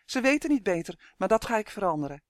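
A man voicing a gruff, sharp-eared gnome man with a growling, commanding manner. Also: high-pitched, big pitch swings, fast, no room sound, clean studio sound. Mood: resolute.

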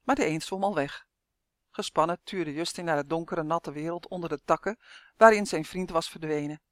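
A narrator reading a children's novel aloud as an audiobook, telling it in a steady, expressive way. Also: medium pitch, moderate pace, no echo, studio quality.

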